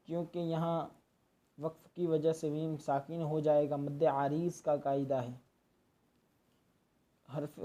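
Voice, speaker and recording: Slow, mellow man teaching recitation. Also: fairly high pitch. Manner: patient, explanatory, stops to demonstrate drawn-out recitation. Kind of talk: step-by-step tajweed lesson. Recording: dull lo-fi recording.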